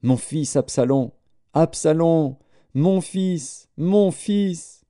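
A man's voice: medium pitch, lively intonation, fairly quick, warm tone, natural voice. A man reading aloud voices an old king who weeps and laments for his son. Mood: anguished. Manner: wailing lament. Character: grieving old king, father of a dead son.

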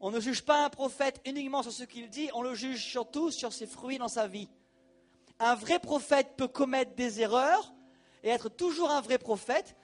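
A male preacher giving a sermon, animated and colloquial, talking straight to the congregation. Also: extremely high pitch, normal speed.

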